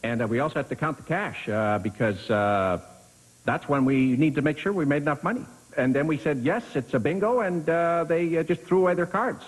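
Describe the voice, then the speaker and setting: A man doing a comedy impression of a folksy male politician working as a bingo caller, halting and full of hesitations. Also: a little high, breathy edge, rough recording. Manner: bingo caller announcing numbers; halting, filler-laden speech.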